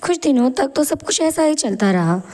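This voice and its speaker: A woman narrating an animated moral story in a plain, steady telling style. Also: high voice, normal speed.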